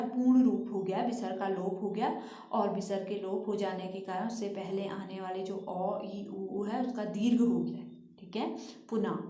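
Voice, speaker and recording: A woman teacher walks through grammar rules at an unhurried, deliberate pace. She keeps asking questions and then answers them herself. Her voice rings in a roomy, echoey space. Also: mid-range voice, a little mellow. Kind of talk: Sanskrit grammar lesson.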